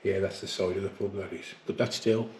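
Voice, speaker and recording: A man's voice: low-pitched, fairly even intonation, a little fast, slight background noise. A British man speaking as an amateur ghost hunter in a casual, blunt way, calling out to spirits and chatting as he investigates indoors. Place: indoors in a pub. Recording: echoey room in a pub.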